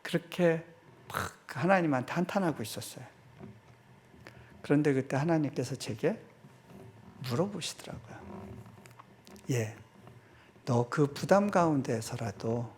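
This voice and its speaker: A man's voice: on the high side, darkish tone, a little hiss or hum. A middle-aged man, a missionary, preaching a sermon in a church and telling his own story, acting out his prayers and laughing now and then. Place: church sanctuary.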